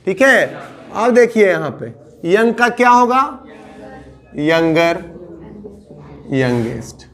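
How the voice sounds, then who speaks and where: A man with a Bihari Hindi accent leads a grammar lesson in a high, lively voice that swoops up and drops low. He talks slowly and coaxes his students, repeating each point and stretching out the word endings. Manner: coaxing, repetitive teaching with drawn-out word endings. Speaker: English grammar teacher.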